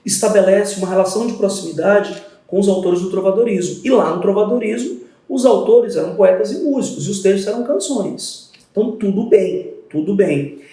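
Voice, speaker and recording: Methodical teacher in echoey room. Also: male voice, sits high, a little fast, mellow, recorded from a distance. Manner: methodical, explains step by step and counts syllables aloud. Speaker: literature teacher. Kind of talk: exam-prep literature lesson.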